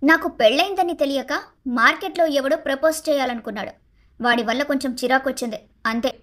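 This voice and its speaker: A woman's voice: high voice, brisk, fairly bright tone. Woman voicing a feisty, blunt young wife. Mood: dismissive. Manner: blunt, scolding. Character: young married woman, sharp-tongued and feisty. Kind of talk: Telugu storybook cartoon dialogue.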